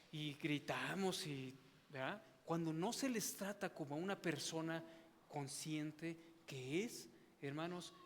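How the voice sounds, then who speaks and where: A man's voice: on the high side, big-room sound, a little hiss or hum. A man preaching a conversational sermon to his congregation, often asking "¿verdad?". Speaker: pastor. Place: church sanctuary.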